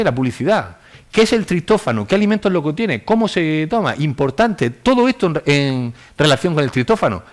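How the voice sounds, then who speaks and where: A man giving a public science lecture in an animated, ironic way, acting out quotes in mock voices. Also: mid-range voice. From Spain. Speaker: university lecturer. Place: lecture hall with audience.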